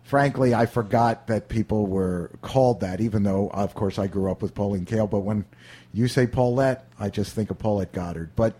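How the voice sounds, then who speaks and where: A man's voice: fairly low pitch, normal speed, mellow. A middle-aged man hosting a radio show, chatting casually about films with rambling, wisecracking remarks and profane asides. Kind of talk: casual film chat.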